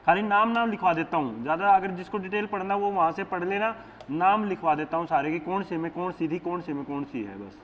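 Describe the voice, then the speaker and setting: A man's voice: high-pitched, lively intonation, brisk, muffled recording. A young man with a Haryanvi accent teaching a nursing exam class in a casual, joking manner. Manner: joking, chatty, addresses students as beta. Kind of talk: classroom lecture with casual banter. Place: classroom with online students. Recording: classroom with long reverb and faint background noise.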